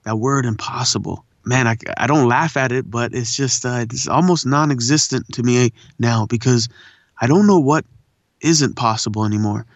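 A man's voice: mid-range voice, normal speed, dry recording. A man who was born in India and raised in Southern California, a voice actor and poet, talking reflectively in a casual interview. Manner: relaxed, reflective, says "man" often.

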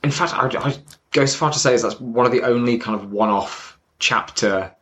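A man co-hosting a podcast, a manga fan, explains things to a newcomer in a casual, informal chat with some wry humour. His voice is medium-pitched, brisk and a bit bright, with the highs cut off from the built-in microphone recording.

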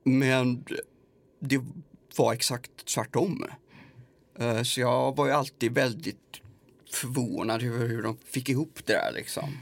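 A man's voice: mid-range voice, steady tone, vocal fry, no echo. A man, a musician, speaking in a hesitant way with many fillers in casual conversation. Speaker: musician guest.

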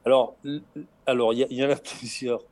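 A man's voice: mid-range voice, little pitch movement, quick pace, darkish tone. A middle-aged man with a southern French accent, chatting as an interview guest, talking expansively with many restarts and repeated words. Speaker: guest, former race logistics organizer. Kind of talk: casual interview chat.

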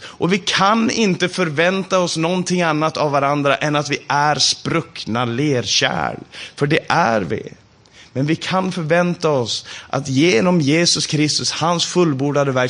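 A man's voice: fairly high pitch, fairly bright tone. A man preaching a Bible sermon with a slightly raised voice. He talks with emphasis, stacking repeated phrases as he builds each point. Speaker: Bible teacher.

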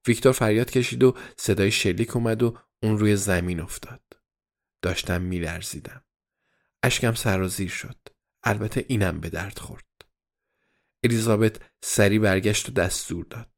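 A man narrating a novel in the first person as a diary, in an even, measured reading. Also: on the low side. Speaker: audiobook narrator.

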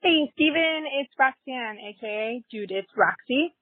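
A woman's voice: high-pitched, expressive, a little slow, no echo. Woman in a tinny voicemail. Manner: chatty and upbeat. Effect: played-back voice message. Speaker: podcast listener calling in. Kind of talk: casual voicemail. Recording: tinny dry phone-line recording.

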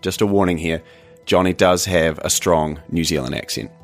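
A man narrates as the host of an investigative podcast. His voice sits low, and the script is delivered over faint music. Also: normal speed. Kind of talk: scripted narration and interview questions.

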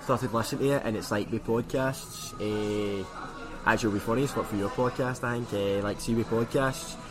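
A man's voice: on the low side, steady tone, fairly quick, music in the background, low-quality recording. A man with a broad Glaswegian Scottish accent chatting casually as a podcast guest, rambling along in colloquial Scots slang.

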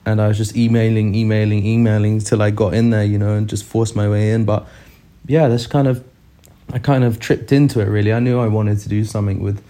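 Young english guy, low warm voice, kinda flat, rambly podcast chat. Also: fairly quick. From England. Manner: laid-back, rambling with fillers. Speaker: podcast guest. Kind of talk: casual chat.

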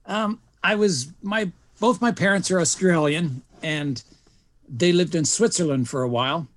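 A middle-aged man from Canada, a podcast guest telling his story in a relaxed way, often pausing with um and uh. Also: on the high side. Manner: relaxed storyteller with frequent ums. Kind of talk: casual interview.

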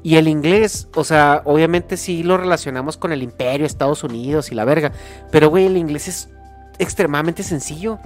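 A man's voice: on the high side, fairly quick, soft background music. A man with a Mexican accent hosting a podcast, chatting casually in a profane, slangy, argumentative way. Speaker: podcast host.

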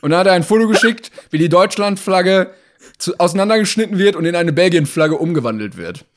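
A man's voice: high-pitched, lively intonation, a little fast. A man co-hosting a podcast, chatting casually with playful, jokey banter. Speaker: podcast co-host. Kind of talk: casual chat.

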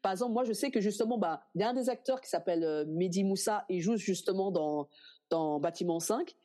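In a casual interview, the young actress guest talks fairly quickly with a medium-pitched voice. Her stories are lively, and she acts out other people's lines as she tells them.

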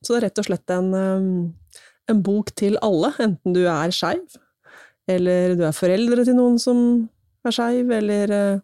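Chatty woman, mellow voice. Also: medium pitch, clean tone, no room sound, clean studio sound. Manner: chatty, laughs often, many fillers. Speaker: guest, author and government minister. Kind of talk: casual interview talk. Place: library.

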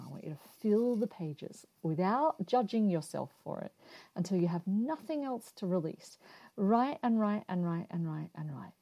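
A woman giving calm, encouraging relationship advice, speaking straight to the listener in an instructional talk. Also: fairly low pitch.

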